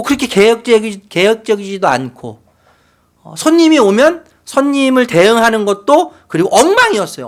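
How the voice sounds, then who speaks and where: A male pastor preaching a sermon, telling a story with big swings from loud to whispered. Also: high-pitched. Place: church sanctuary.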